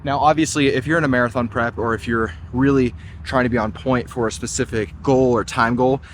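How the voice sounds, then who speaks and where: A man's voice: medium pitch, steady tone, a little fast, noisy background. A young man in his twenties, chatting casually and upbeat while running outdoors and sometimes getting out of breath. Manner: upbeat, chatty, lots of "like" and "just". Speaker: running vlogger. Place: outdoors on a trail.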